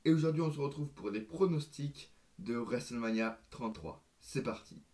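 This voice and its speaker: Hoarse eager man vlogging. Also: mid-range voice, moderate pace, dark tone. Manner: eager, hesitant, many fillers. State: hoarse, voice nearly gone. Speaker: wrestling fan vlogger. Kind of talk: casual predictions vlog.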